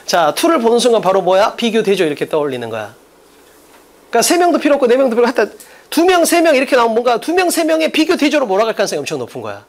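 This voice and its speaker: A man's voice: extremely high pitch, sing-song, fast talker. A man lecturing on an English exam, emphatic and blunt, constantly firing rhetorical questions at his students. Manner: emphatic, quizzes listeners with rhetorical questions, blunt casual speech. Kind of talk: energetic classroom lecture.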